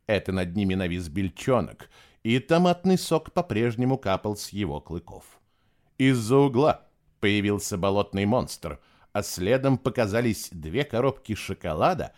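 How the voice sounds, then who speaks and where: A man reading a children's story aloud in a lively, expressive narration. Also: on the low side. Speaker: audiobook narrator. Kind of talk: scripted narration.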